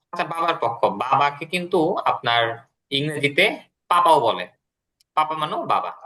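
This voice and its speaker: Bright-voiced teacher explaining patiently. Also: male voice, fairly high pitch. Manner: explains patiently, repeating words and translations. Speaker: English teacher. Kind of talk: classroom lesson.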